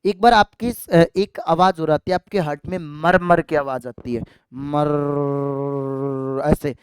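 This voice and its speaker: A biology teacher runs an exam-prep lesson, asking the class questions and answering them, then repeating key terms as drills. The voice is smooth and clear. The sound is dry and close, with no room echo. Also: mid-range voice, animated, moderate pace. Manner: asks students rhetorical questions and answers them; calls students affectionately "child" and "dear kids".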